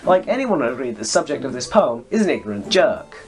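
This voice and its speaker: A man's voice: medium pitch, very animated, quick pace, soft background music, close to an everyday voice. A man voicing a sassy, short-tempered teenage schoolgirl in a let's play reading, teasing and bratty.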